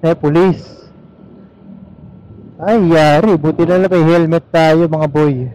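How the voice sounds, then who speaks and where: A man with a Filipino accent rides and vlogs, rambling in easygoing Taglish from inside his helmet. He has a warm, slightly high voice and talks slowly. The rough recording comes from a helmet intercom or action camera mic, with engine and road noise.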